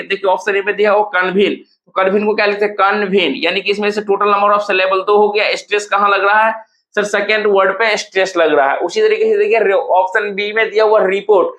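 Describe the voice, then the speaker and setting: A man's voice: sits high, a bit bright. A man teaching an exam-prep lesson, explaining step by step and asking the class repeated questions.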